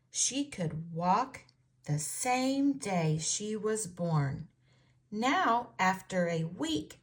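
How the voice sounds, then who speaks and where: Here a woman with a mid-range voice reads a picture book to young children, enunciating carefully and telling the story with plenty of expression.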